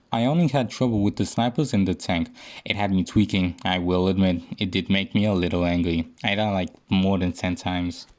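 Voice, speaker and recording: A young man giving casual, rambling game commentary in a slightly low voice. He jokes and mocks himself as he goes. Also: a little mellow. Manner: joking, self-mocking, rambling. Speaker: gaming video host.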